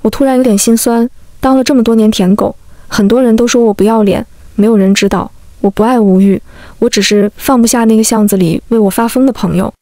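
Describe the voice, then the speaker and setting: A woman reading a first-person emotional story as scripted narration, in a calm, steady manner. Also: fairly high pitch, a little fast, no room sound, clean studio sound.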